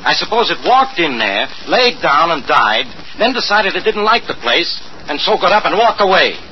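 A man's voice: on the high side, very animated, moderate pace. A man playing a sarcastic, suspicious police inspector who badgers his suspect in a 1940s radio crime drama. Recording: dull, noisy old radio recording.

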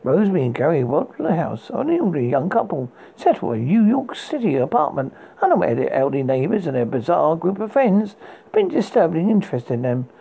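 A performer playing a spooky horror host, reading recommendations in a husky, gravelly voice with a halting, stumbling delivery. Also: medium pitch, big pitch swings, mellow, full character voice, poor audio. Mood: ominous. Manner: halting read with stumbles and repeated words. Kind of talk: scripted horror book and film recommendations read as a horror host.

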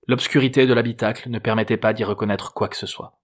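A man's voice: fairly low pitch, steady tone, fast. A man narrating an audiobook. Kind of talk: scripted narration.

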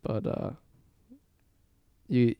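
A man's voice: extremely slow, dry recording, dull audio. A man hosting a casual sports talk, asking questions and bantering in a hesitant, wry, teasing manner. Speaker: host of a fantasy football league podcast.

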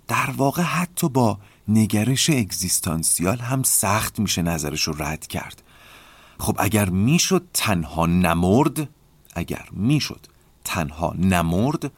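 A man hosting a podcast, calmly explaining ideas in a reflective lecture and often asking rhetorical questions. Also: fairly low pitch, no echo. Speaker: podcast host.

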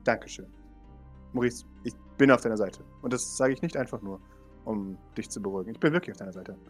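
A man's voice: fairly low pitch, fast, husky, faint music behind. A man playing a stern male authority figure in a tabletop role-play, controlling and pressing for agreement. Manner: controlling, repeats the name, demands agreement. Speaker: game master.

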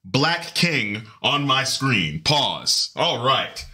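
Lively, bright-voiced man hosting a stream. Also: mid-range voice, very slow. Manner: animated, laughs often, greets chat by name. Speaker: podcast and stream host. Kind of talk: casual livestream chat.

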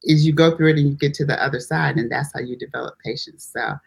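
A woman with a deep, husky voice. She co-hosts a casual motivational chat with a touch of faith in how she talks. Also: fast talker. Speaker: podcast co-host.

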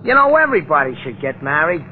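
A wisecracking male police sidekick with a rather high voice and folksy, slangy mock wisdom. It is 1940s radio comic relief, muffled and noisy. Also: sing-song, fast. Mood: smug joking.

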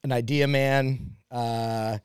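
A man's voice: mid-range voice, steady tone, takes it slowly, clear, resonant tone, no room sound, clean studio sound. Upbeat, chatty male podcast host. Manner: upbeat, chatty, calls himself an extrovert. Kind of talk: casual interview chat.

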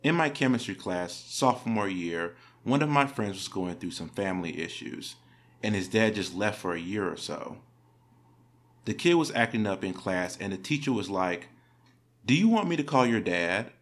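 Male narrator, lower pitch, calm measured read of online anecdotes. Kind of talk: reading internet stories aloud.

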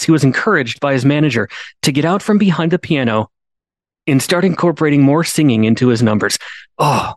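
Clean studio sound and a dry recording carry this man's voice, which sits on the high side as he hosts a podcast. In a storytelling monologue he speaks earnestly, stumbling back over repeated words and climbing into emphatic pleas.

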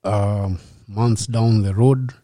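Kenyan man in his fifties, interview guest; relaxed, reflective storytelling with a dry, close sound. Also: fairly low pitch, dry recording. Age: 50s. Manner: reflective, unhurried, slips in Swahili words. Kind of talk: personal storytelling in a podcast interview.

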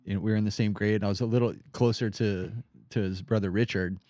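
A man's voice: fairly low pitch, steady tone, fast talker, dark tone, no echo, studio quality. A man from Hawaii chatting as a guest in a laid-back way, full of surfer slang. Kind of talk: casual chat.

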